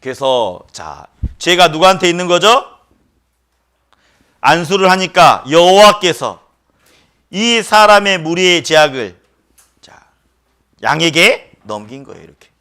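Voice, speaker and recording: A man's voice: on the high side, big pitch swings, a little slow, pauses often, bright, forceful tone, clear, resonant tone. A male pastor preaching a sermon who keeps questioning the congregation and stresses his points emphatically.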